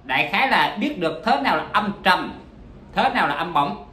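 A man's voice: sits high, lively intonation, brisk, pushed and bright, echoey room. A man teaching poetry in a chatty, casual way, full of examples and fillers. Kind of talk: casual spoken lesson.

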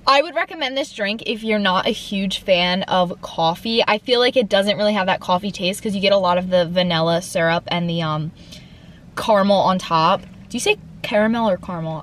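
A woman's voice: mid-range voice, animated, fairly quick. Young woman, chatty vlogger, in a car, phone on dashboard, faint background hum. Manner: chatty, lots of "like". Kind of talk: casual vlog chat. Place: in a parked car. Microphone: phone camera on dashboard.

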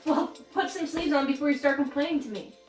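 A woman's voice: high voice, quick pace, close to an everyday voice. A young woman playing a spoiled, whiny rich girl who leans on her father's money, in a comedy skit. Her voice is heard from a distance in an echoey room, with music behind. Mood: defensive. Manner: whiny and self-absorbed. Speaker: college roommate in a comedy skit.

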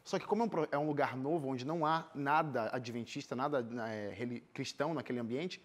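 Seated in a TV studio as an interview guest, a young Brazilian-accented man who is a singer and missionary volunteer tells personal stories. He speaks informally and animatedly at a medium pitch, a little fast.

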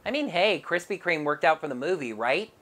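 Woman reviewing comics, low voice but bouncy, dry sarcastic little jabs. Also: expressive, fairly quick, fairly bright tone. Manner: wry, sarcastic asides. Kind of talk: casual review narration.

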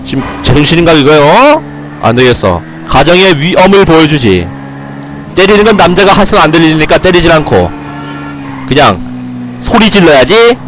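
Lively joking young man streaming a game. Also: fairly high pitch, moderate pace, slight background noise. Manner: joking, talks to himself and viewers, mock scolding rants. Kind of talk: casual gameplay commentary.

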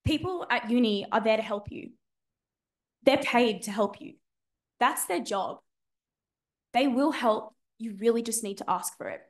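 Young aussie woman, student on a panel, slightly high voice, punchy slangy storytelling. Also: animated, a little slow, pauses often. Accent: Australian. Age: young adult. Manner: emphatic, colloquial, dramatic phrasing. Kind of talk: motivational personal story at a panel.

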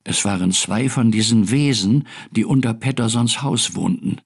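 A man narrating a children's story in a computer game, reading gently and expressively. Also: on the low side, normal speed, gravelly, breathy edge.

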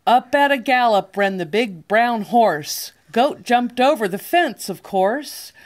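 Very slow, lively older woman reading. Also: on the high side. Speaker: grandmother reading to a child. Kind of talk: children's picture-book read-aloud. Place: living room, indoors.

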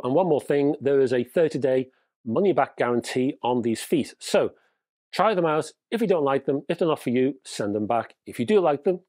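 A hi-fi reviewer and channel host in his fifties speaks from a home room lined with record shelves, recorded dry and close on a lapel mic. He has a stuffy nose and sounds wheezy from a cold. His medium-pitched, darkish voice has no echo, and his manner is chatty, wry and emphatic, leaning on key words.

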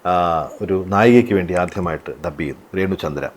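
A man interviewing a guest, briskly listing facts to prompt her. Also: deep voice, animated.

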